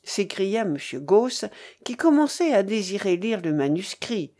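A woman narrating a novel aloud at a slow, unhurried pace. Her pitch rises and falls with lively expression across each sentence. She sits at a middle pitch. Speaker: reader.

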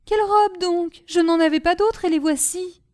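A woman's voice: very high voice, steady tone, normal speed, a little mellow, voice pushed up. A woman reading aloud, voicing an anxious poor young woman who urgently sends her brother to fix a mistake. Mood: alarmed. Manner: alarmed, pleading.

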